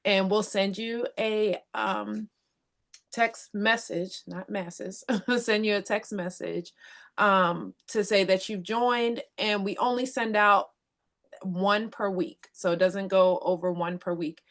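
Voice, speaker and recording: Slow-speaking woman staff member. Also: medium pitch. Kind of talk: virtual community meeting.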